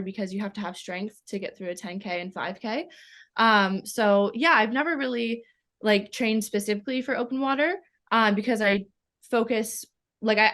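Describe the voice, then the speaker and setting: A Canadian teenage swimmer chats through an interview, laughing often and scattering ums and likes throughout her answers. Her voice is mid-range with a slightly bright quality.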